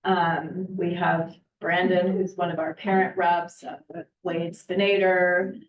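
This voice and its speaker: A woman superintendent giving a casual, chatty update at a school board meeting, often pausing with ums and uhs. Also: lowish voice, little pitch movement, crowd noise. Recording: echoey, distant, muffled meeting audio.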